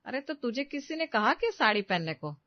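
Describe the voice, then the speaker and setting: A woman's voice: a little high, very animated, moderate pace, no echo, pitched above the performer's own voice. A woman voicing a fussy middle-aged mother-in-law. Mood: fussing. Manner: coaxing, scolding. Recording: dull dry lo-fi sound.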